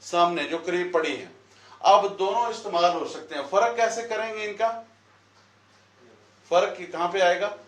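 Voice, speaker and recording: At a classroom whiteboard, a man leads a Quran lesson, asking the students questions and echoing back what they say. His voice is high and moves at a normal speed with frequent pauses, heard distantly in a reverberant room.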